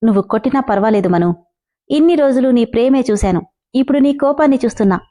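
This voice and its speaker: A woman's voice: on the high side, animated, quick pace, mellow, lightly acted. A woman reading as Ram, a taunting possessive young man. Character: obsessive young man, menacing and mocking.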